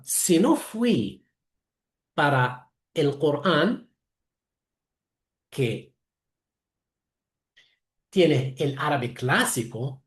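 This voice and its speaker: Man, Arabic accent, native Arabic speaker, lecturing, slow halting delivery, lively rise and fall, echoey room on a video call. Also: fairly high pitch. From Lebanon. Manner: slow, halting, with self-corrections. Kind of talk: online talk, explaining.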